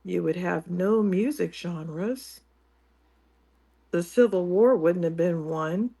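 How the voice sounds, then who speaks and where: A woman co-hosting a casual talk show, speaking in a deliberate, confident way with dry humor. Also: fairly low pitch, creaky, mellow, breathy edge. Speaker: co-host.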